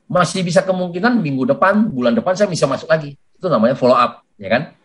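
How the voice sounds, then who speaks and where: A man giving a lively sales coaching talk for network marketing, who often addresses his listeners as sir and acts out sales conversations. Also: a little high, quick pace. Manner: animated, addresses listeners as "Pak" constantly.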